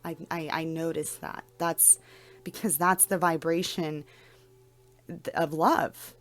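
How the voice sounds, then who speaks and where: A young adult woman speaks in a soft-spoken, somewhat low voice, often repeating words as she restarts her thoughts. She talks casually about spiritual matters, as if to viewers of her vlog. Soft music plays faintly behind her. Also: steady tone, slow. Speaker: spiritual vlogger. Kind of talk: casual spiritual talk to camera.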